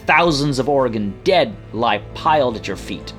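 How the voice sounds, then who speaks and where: A man's voice: mid-range voice, lively intonation, moderate pace, lightly acted. A man voicing an earnest, righteous young noblewoman leader in a video game, speaking formally. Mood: wounded, accusing. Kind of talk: video game dialogue read aloud. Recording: music playing behind.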